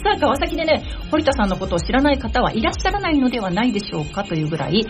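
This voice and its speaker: A woman presents a community radio show in a studio. Her voice sits a little high and moves around a lot in pitch as she talks politely and chattily to listeners and colleagues. Music plays clearly behind her. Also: sing-song, rapid-fire. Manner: polite, chatty, often punctuates with "hai" and "ne". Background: background music.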